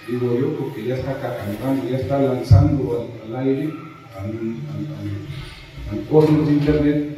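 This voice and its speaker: A man's voice: mid-range voice, dark tone, slight background noise. A man on a panel, musing aloud and posing rhetorical questions to the room. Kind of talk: panel remarks. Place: large auditorium. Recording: dull, echoey hall, far from the mic.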